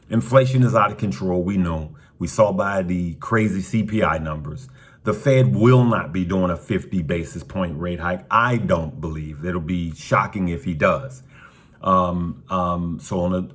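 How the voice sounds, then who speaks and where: A man with a very low, husky voice talks through a casual stock market update for his viewers. He is relaxed and conversational, dropping in frequent ums and uhs. His voice still has the roughness of early morning. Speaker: stock market channel host.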